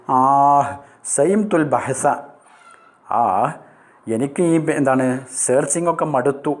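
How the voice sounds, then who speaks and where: A man's voice: medium pitch, a little mellow. Man teaching Arabic. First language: Malayalam. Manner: reads Arabic lines slowly, then translates and explains each word. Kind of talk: explaining an Arabic textbook play line by line.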